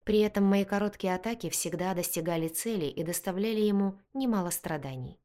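A woman reading a first-person fantasy story aloud with expressive storytelling. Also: medium pitch, fairly quick. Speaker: audiobook narrator.

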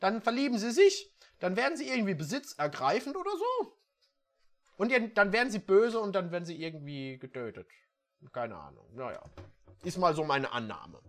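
A reader performing a comedic reading of bad fan fiction, breaking off for sarcastic, deadpan asides. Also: mid-range voice, normal speed.

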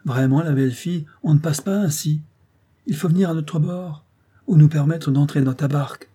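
Male reader doing a swaggering young boatman, taunting, with a dark, husky edge. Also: on the high side, normal speed, voice pushed up. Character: brash young Venetian gondolier, mocking and threatening.

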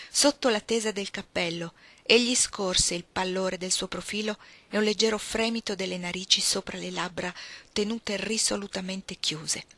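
A woman's voice: mid-range voice, dry recording. Woman reading a novel aloud. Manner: steady, clear narration. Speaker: reader.

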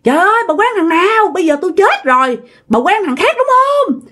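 A woman's voice: high-pitched, sing-song, normal speed, fairly bright tone, voice pushed up. A woman voicing the angry ghost of a dead husband speaking through a neighbor woman, ranting and scolding shrilly. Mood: furious.

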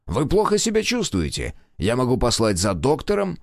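A man's voice: medium pitch, wildly swooping pitch, moderate pace, dry recording, studio quality, voice pushed up. A man voicing a stern middle-aged male detective who speaks coldly and curtly. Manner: curt and hard, grating when pressed.

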